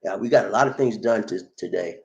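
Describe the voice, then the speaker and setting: Hosting a casual livestream, a man reads viewer comments with a playful, teasing edge in Southern American vernacular. His voice is lowish, fast, creaky and a little mellow, and the audio sounds dull.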